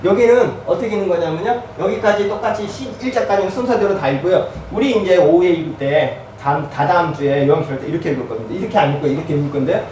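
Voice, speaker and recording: A man's voice: high voice, quick pace, hardly any pauses, darkish tone, reverberant, recorded from a distance, slight background noise, low-quality recording. A man preaching as a pastor, giving a teaching sermon. He goes through a chart step by step.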